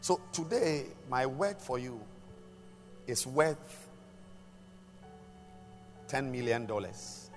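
An older male preacher delivers a sermon at a slow, deliberate pace. He pauses often and repeats phrases to drive them home. His voice rings through a large hall with long reverb, and music plays behind him. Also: medium pitch, animated. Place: large church hall during a service.

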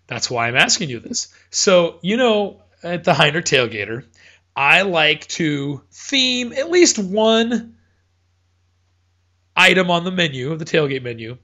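A man's voice: a little high, big pitch swings, measured pace, sharp tone, dull audio. A man hosting a casual sports chat, rambling and correcting himself as he talks, with hiccups. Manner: rambling, self-correcting, chatty. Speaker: podcast host.

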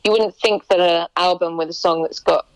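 A woman's voice: on the low side, steady tone, brisk, no echo, poor audio. A young woman musician chatting in an interview, hesitant, with many restarts and ums. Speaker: musician guest. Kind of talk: casual interview chat.

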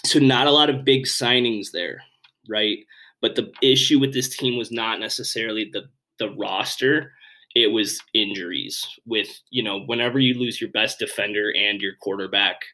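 Guy rambling thru his sports podcast, kinda low voice, lots of uhs. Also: fairly even intonation, moderate pace, bright, forceful tone, rough recording. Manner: rambling, offhand, frequent fillers. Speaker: podcast host. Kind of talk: solo sports podcast rundown.

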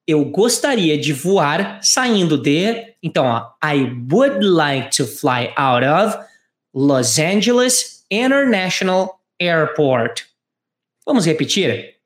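A woman teaching English through Portuguese, pronouncing each model sentence slowly and carefully so it can be repeated. Her voice sits a little low but moves through a wide, lively melody. The room around her has a noticeable echo. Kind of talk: bilingual language lesson with repetition drills.

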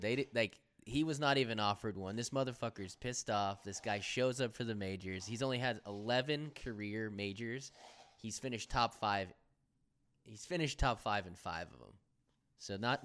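A man with a smooth, resonant voice talks golf with a friend. His tone is loose, profane and full of laughter. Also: on the low side, moderate pace, fairly bright tone. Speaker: podcast co-host. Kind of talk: casual golf chat.

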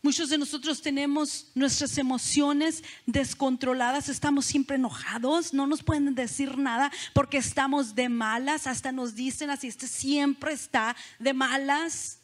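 A woman preaches a sermon in a conversational way, addressing the congregation and asking them questions. Her voice sits high and steady, at a moderate pace with few pauses.

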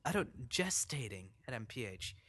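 A man's voice: mid-range voice, very animated, normal speed, background noise. A young man in a casual group chat, dropping dry sarcastic asides. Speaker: podcast co-host.

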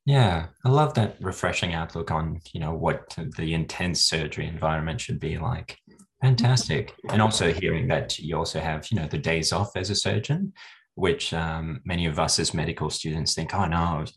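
Deep-voiced young interview host. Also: male voice, moderate pace. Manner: encouraging, frequent affirmations. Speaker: interview host, medical student. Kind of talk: interview hosting.

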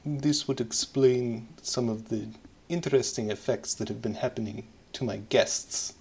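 A man voicing a formal, courteous vampire earl in a tabletop game, with measured, old-fashioned wording. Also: medium pitch, darkish tone, breathy edge. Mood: measured, musing. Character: male vampire earl, formal, courteous, unblinking master of the house.

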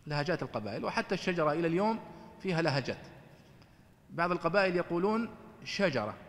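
A man's voice: high-pitched, fairly bright tone, big-room sound. A man teaching Quran commentary in a conversational lecture style, asking his students rhetorical questions.

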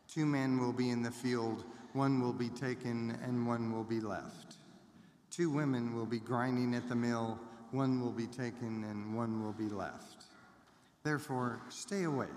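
A man's voice: mid-range voice, a little mellow. A man reading the Gospel solemnly as a clergyman, his voice echoing through a large church. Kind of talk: solemn liturgical scripture reading. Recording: echoing cathedral-like hall, background noise.

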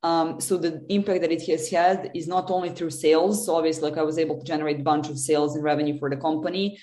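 A woman's voice: low-pitched, steady tone, fast talker, warm tone. A woman from Serbia, answering interview questions earnestly with many fillers and restarts. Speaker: guest, business development lead. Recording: roomy echo.

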